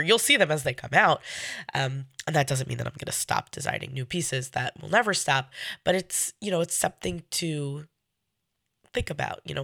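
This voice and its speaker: A woman records a solo podcast with a stuffy, nasal voice from a cold. Her delivery is casual and hesitant, often doubling back on itself. There is gravelly fry in her voice, and the sound is dry. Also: deep voice, a bit bright, no echo. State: getting over a cold. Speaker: podcast host.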